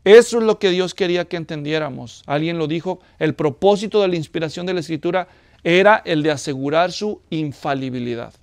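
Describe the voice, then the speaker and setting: Man, high voice, pastor preaching, conversational, asks questions, dry sound. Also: brisk, darkish tone, no echo. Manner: conversational teaching with questions to the congregation. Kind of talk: sermon.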